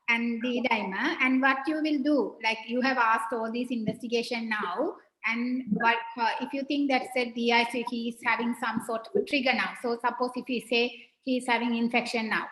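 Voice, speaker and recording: A woman's voice: fairly high pitch, fairly bright tone, roomy sound, poor audio. A woman teaching medicine in a class, questioning students and prompting them one by one. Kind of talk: online clinical teaching session.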